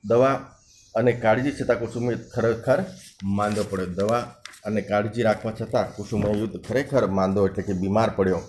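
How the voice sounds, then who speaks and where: Speaking at normal speed in a steady, slightly mellow voice on the low side, a man reads a story from a textbook. He pauses after each section to retell it and gloss difficult words, and he voices the dialogue differently. A little hiss or hum sits under the recording.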